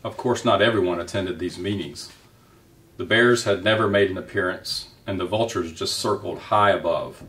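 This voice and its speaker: A man reading a children's novel aloud in a gentle, unhurried storytelling manner. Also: sits low, recorded from a distance.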